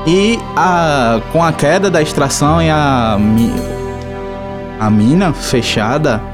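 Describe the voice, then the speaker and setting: Brazilian guy hosting a casual radio show, kinda halting and repeats himself, soft music behind. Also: on the high side. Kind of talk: casual hosted talk about travel places. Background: instrumental music.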